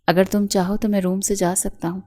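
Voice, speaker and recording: A woman's voice: medium pitch, flat delivery, warm tone, lightly acted. Woman reading Haris, tired withdrawn young husband. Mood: subdued.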